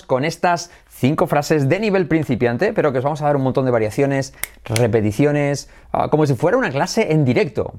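A man runs a bilingual English lesson at a medium pitch. He drills short phrases slowly and repeats them again and again. He moves back and forth between Spanish and English as he explains. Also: darkish tone. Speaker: English teacher.

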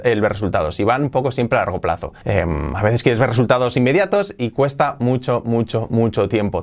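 Energetic man teaching English. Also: mid-range voice. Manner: energetic, repeats words for emphasis, models English phrases slowly. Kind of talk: video lesson on learning English.

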